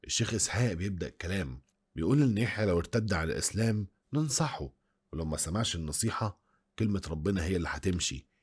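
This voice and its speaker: A man's voice: sits low, lively intonation, racing, husky. A man with an Egyptian Arabic accent narrating a film review video essay, analytical and full of rhetorical questions.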